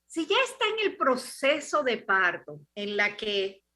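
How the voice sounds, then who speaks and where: A woman with a bright, high voice whose pitch moves a lot. She speaks slowly and draws out her questions to a doctor as the interview host. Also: sing-song.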